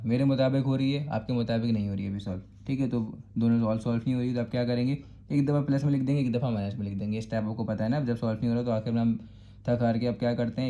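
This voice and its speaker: A man's voice: mid-range voice, dark tone. A man with a Karachi Urdu accent teaching a step-by-step math lesson, patiently repeating "thik hai" to check that students follow. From Pakistan.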